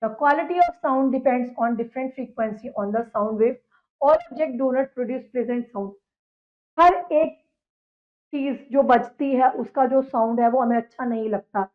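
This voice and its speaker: A woman teacher giving a science lesson. She reads English sentences slowly and then explains them in quicker, conversational Hindi. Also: a little high. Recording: tinny phone-like audio.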